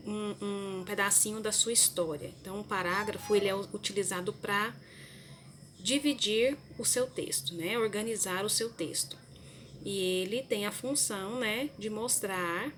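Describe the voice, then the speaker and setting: A woman's voice: mid-range voice, background noise. A woman, a primary school teacher giving a recorded lesson to children, explaining each task patiently step by step.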